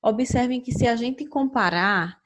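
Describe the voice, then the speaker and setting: A young adult woman with a Brazilian Portuguese accent, pitched fairly high, teaches grammar in a recorded lesson. She explains in a measured way and keeps checking in with her students.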